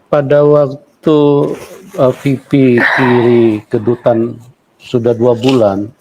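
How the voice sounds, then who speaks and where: A man interviewing a guest, asking short gentle questions and giving steady affirming murmurs. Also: medium pitch, slow pace, background noise. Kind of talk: interview questions and listening cues.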